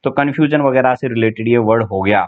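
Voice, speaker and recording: A man's voice: medium pitch, quick pace. A man teaching English vocabulary for an exam, chatting with students, asking them questions and spelling words letter by letter. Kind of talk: online exam-prep vocabulary lesson. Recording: tinny phone-like sound.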